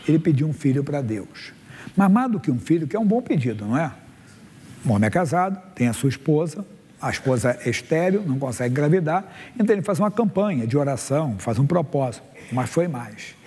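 A man's voice: a little high, mellow, slightly rough. A man in his sixties, a pastor preaching a sermon from the stage to his congregation, reading Bible verses aloud and asking them questions. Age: 60s. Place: church stage before a congregation. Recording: long hall reverb.

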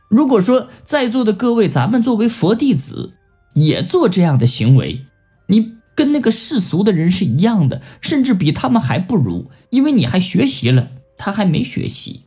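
A Buddhist teacher lectures on scripture in a high voice with a breathy edge. He tells stories animatedly, acting out the people he quotes.

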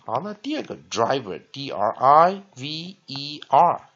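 A man's voice: mid-range voice, sing-song, slow, a bit bright, lo-fi sound. A male English teacher giving a spelling and phonics lesson. He reads dictionary entries aloud, then explains them with frequent "ah" and "ha" fillers.

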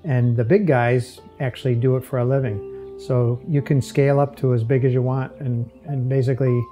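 A man in his sixties, an amateur beekeeper from upstate New York, explaining his hives in a relaxed, halting way with many fillers, recorded outdoors in a backyard. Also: medium pitch, faint music behind. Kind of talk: casual explanation while working.

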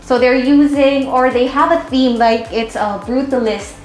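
A woman's voice: high voice, fairly even intonation, a little slow, soft background music. A young woman from the Philippines hosting a real estate house tour, walking through rooms and talking upbeat and salesy to her viewers. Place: large empty townhouse interior, indoors. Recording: roomy echo from bare rooms.

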